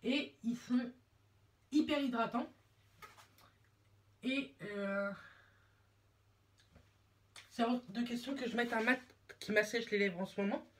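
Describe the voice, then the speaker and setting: Young woman, French, beauty vlog, rambling casual chat, slightly high voice, faint noise behind. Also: slow, long pauses. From France. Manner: rambling, self-mocking, slangy. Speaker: beauty vlogger. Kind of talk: casual chat while doing makeup.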